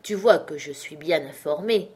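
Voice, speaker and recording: A woman reading a blunt, insistent old gentleman. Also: low-pitched, moderate pace, breathy edge. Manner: insistent, brusque, commanding. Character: wealthy old man, blunt and generous host.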